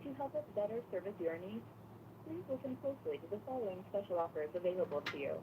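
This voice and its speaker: A woman's voice: medium pitch, fast. Woman's recorded phone-menu message. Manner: even, announcer-like recorded delivery. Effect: automated recorded phone message. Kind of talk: scripted telephone menu prompt. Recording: tinny, noisy phone line.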